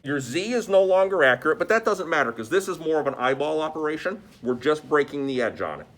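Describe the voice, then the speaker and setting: A man's voice: fairly high pitch, animated, fast, fairly bright tone. A man instructing like an experienced machinist, patiently explaining a hands-on demonstration step by step. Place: workshop beside a lathe. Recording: clear shop background noise.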